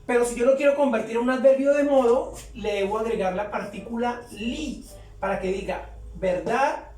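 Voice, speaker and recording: A woman teaching a lesson, explaining step by step and repeating each example slowly and deliberately. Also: fairly high pitch, warm tone. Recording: roomy echo, distant from the mic, faint background hum.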